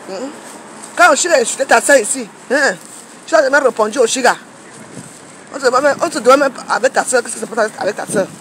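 A woman's voice: fairly high pitch, slight background noise. Woman vlogger, combative scolding tone, filmed walking outdoors with faint birdsong behind. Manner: combative, scolding with rhetorical questions. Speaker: social media commentator. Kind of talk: casual vlog rant.

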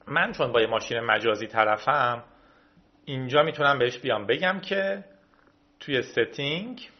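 A man's voice: medium pitch, animated, lo-fi sound. A man hosting a casual screen-recorded tech tutorial, chatting through each step as he clicks through menus. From Iran. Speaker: tech video host.

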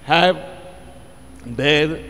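An older man, a parish priest giving a formal welcome at Mass, speaking slowly and measuredly into a pulpit microphone. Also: fairly high pitch, bright, forceful tone. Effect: speaking at a pulpit microphone over the church speakers. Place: large church. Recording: long church reverb from the sound system.

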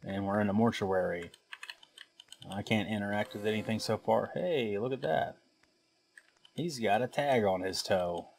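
A man's voice: lowish voice, slight background noise. A man giving a let's play commentary, thinking aloud as he puzzles through a game and drops wry asides, with game music behind him. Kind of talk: gameplay commentary.

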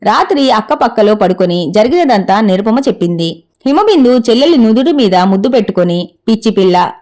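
A woman narrating a serialized story in a steady read-aloud way. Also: a little high, a little fast.

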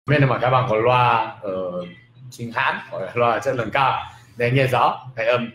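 Man teaching pronunciation in a roomy space. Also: mid-range voice. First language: not Vietnamese. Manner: lively, repeats example words slowly and emphatically. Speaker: English teacher. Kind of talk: casual video lesson in Vietnamese with English examples. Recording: roomy with faint background noise.

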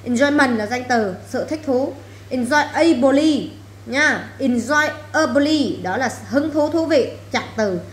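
Woman, teacher, vocabulary drill, repeats each word, slightly high voice, echoey room. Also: measured pace, hardly any pauses. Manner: repeats each word, then explains it plainly. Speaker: English teacher. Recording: echoey room, faint background noise.

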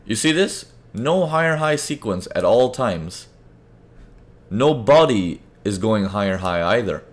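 Low-voiced man teaching a trading webinar. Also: lively intonation, a little slow. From Indian parents, raised in several countries. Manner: conversational, checks in with the audience often. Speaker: forex trading webinar presenter. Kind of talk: live webinar teaching with chat questions.

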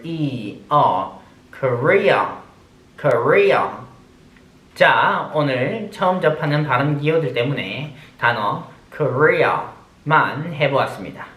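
A man's voice: medium pitch, bright, forceful tone, reverberant. A man teaching an online pronunciation lesson, drilling sounds one syllable at a time and cueing the listener to repeat.

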